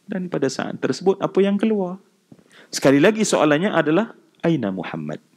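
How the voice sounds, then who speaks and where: A man's voice: sits high, animated, a little fast, a little mellow. A man with a Malaysian Malay accent giving a religious lecture, telling a story dramatically and acting out quotes. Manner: dramatic storyteller, voices quotes and chants Arabic verses. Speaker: preacher.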